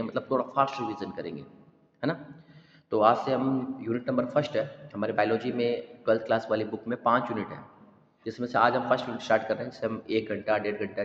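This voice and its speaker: Male biology teacher, question-and-answer revision style, dull lo-fi sound with a roomy echo. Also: medium pitch. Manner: asks students questions and answers them himself; adds "है ना" and "ठीक है" after points. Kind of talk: online exam revision class. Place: echoing room. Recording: echoey, dull, long room reverb.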